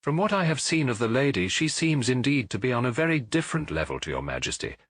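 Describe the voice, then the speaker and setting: Sherlock Holmes, cool, husky and precise, acted by a man. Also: mid-range voice, sing-song, a bit bright, dry recording. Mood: cold. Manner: precise, measured, formal. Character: cool, incisive male detective, formally polite. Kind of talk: audiobook character acting.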